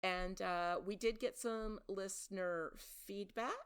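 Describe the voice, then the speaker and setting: A woman's voice: mid-range voice, steady tone, slow, clear, resonant tone. A woman hosting a podcast, chatting casually and sharing trivia with a self-deprecating manner. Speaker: podcast host.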